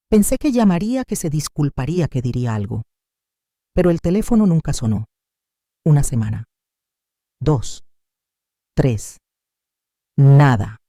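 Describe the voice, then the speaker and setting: An older woman narrates a sad family drama in the first person. Her voice is deep and dark in tone, and she moves through the telling with lively rises and falls. The sound is close and dry, with no room around it. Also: dry recording. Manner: dramatic, sorrowful storytelling. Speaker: storyteller.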